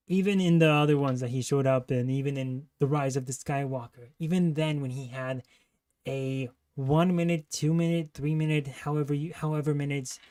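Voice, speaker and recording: A man's voice: mid-range voice, a little mellow. A man hosting a livestream, giving casual, critical commentary as he reacts to a trailer. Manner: critical, disparaging.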